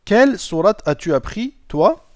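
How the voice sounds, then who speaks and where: Male teacher, slightly high voice, dry close mic, patient lesson delivery. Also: sing-song, unhurried, no echo. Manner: checks in with "d'accord?" often. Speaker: Arabic teacher. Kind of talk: explaining a lesson.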